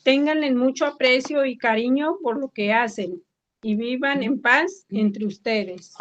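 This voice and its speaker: Mexican woman reading scripture slowly. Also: high voice. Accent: Mexican Spanish. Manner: slow, measured reading. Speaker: student in a Bible class. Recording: dull lo-fi sound.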